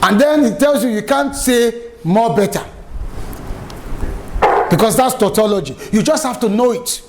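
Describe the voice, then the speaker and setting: A middle-aged Nigerian man raised in Lagos delivers an emphatic lesson on public speaking, a lively lecture packed with anecdotes. His voice is extremely high and expressive, and he speaks a little slowly. The background is noisy.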